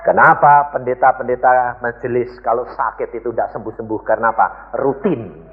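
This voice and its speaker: A man's voice: mid-range voice, steady tone, brisk. A male pastor preaching a sermon with emphatic delivery, often asking the congregation rhetorical questions. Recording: echoey hall, thin phone-like sound.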